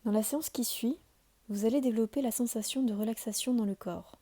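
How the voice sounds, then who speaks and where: A yoga nidra teacher gives calm, soothing guided meditation instructions, her delivery deliberate and measured. Her voice is fairly high in pitch.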